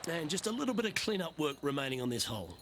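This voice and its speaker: A man playing a composed lead golf commentator, calling each shot in a measured broadcast style for a video game. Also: on the high side, sing-song, background noise. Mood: composed, engaged. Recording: crowd and outdoor ambience behind.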